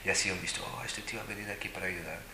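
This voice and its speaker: A man telling personal stories to an audience in an animated, emphatic way, often repeating words for stress. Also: sits low, racing, echoey room, very noisy.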